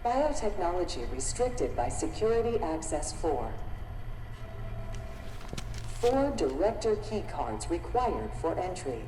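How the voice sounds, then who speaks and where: A woman voicing a facility's automated security system, heard as a slow, formal announcement over a loudspeaker. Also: on the low side, sing-song, recorded from a distance. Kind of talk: video game voice acting. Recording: echoey hall loudspeaker heard from afar, noisy.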